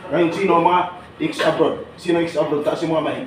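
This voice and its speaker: A man with a slightly high, steady voice talks a little quickly as he runs a live seminar for trainees, joking with the room and frequently asking them to agree. It was recorded in an echoey training room with background noise.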